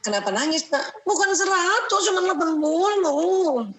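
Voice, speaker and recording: A middle-aged woman giving a lively talk on parenting, sharing family stories, laughing often and tagging her sentences with "ya". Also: very high-pitched, moderate pace, poor audio. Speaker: parenting speaker. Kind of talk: lively lecture with family anecdotes.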